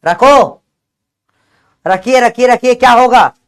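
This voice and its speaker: A man's voice: very high voice, takes it slowly, smooth. A man teaching physics in a coaching lecture, joking and scolding his students and calling them "beta".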